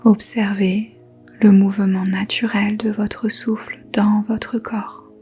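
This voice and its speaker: Very slow, even and nearly monotone, a woman whispers softly through a yoga nidra meditation. She offers gentle, soothing instructions with long pauses while faint music plays below.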